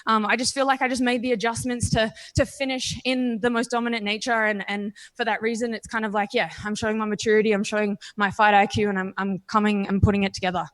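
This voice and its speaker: A professional fighter in her twenties with an Australian accent answers post-fight interview questions candidly, confidently, and casually. Her medium-pitched voice has little pitch movement, and she speaks fast with few pauses.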